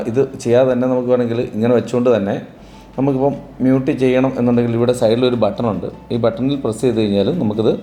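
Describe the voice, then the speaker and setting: A man reviews a product for a camera store, explaining and rephrasing things as he demonstrates. His medium-pitched voice is warm, with a little hiss or hum in the recording and music playing in the background.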